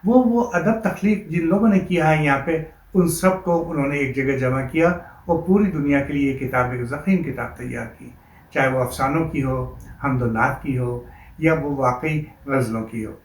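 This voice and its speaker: A male host giving a formal, measured, admiring tribute to a writer. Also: a little high. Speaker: show host. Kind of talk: scripted tribute segment. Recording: echoey room with faint noise.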